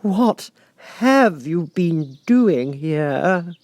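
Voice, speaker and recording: A man voicing a furious, impatient playing-card queen in a shrill, commanding storybook voice. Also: animated, extremely slow, a little mellow, no room sound, muffled recording. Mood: imperious, impatient. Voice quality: shrill, screaming.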